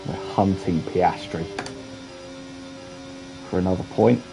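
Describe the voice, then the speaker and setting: A man's voice: sits low, slow, gravelly, music in the background, rough recording. A man giving casual, chatty commentary while streaming a racing game, with dry asides.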